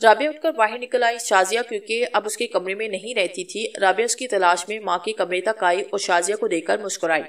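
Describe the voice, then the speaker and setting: A woman narrating a serialized horror novel in a steady reading manner. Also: medium pitch, few pauses. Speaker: storyteller. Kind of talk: scripted Urdu novel narration.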